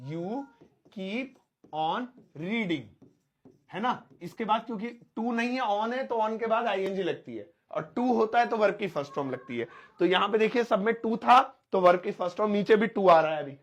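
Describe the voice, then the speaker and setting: High-voiced man teaching English. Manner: explains slowly, spelling out words and repeating examples. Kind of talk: spoken English lesson explained in Hindi.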